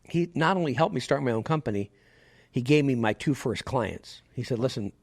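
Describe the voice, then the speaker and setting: Man, middle-aged, podcast guest, rapid storytelling, animated, quotes people as he goes. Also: medium pitch, creaky, husky. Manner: animated storyteller, quotes others in lively asides. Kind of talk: storytelling in a casual interview.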